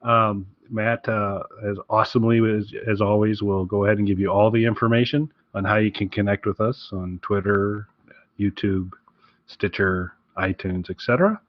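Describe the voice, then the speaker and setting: In a steady tone and on the low side, a man co-hosting a podcast drifts through relaxed chatter at a moderate pace, stopping now and then to correct himself. Sound quality is dull and lo-fi, close-miked and dry without echo.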